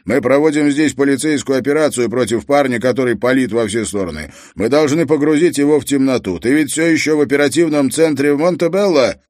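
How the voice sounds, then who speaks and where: A man's voice: mid-range voice, brisk, hardly any pauses, darkish tone, no echo, clean studio sound, pitched above the performer's own voice, close to an everyday voice. A man voicing a tense police detective pleading urgently on the phone during a shootout. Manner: urgent, pressing. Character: tense male police detective under fire.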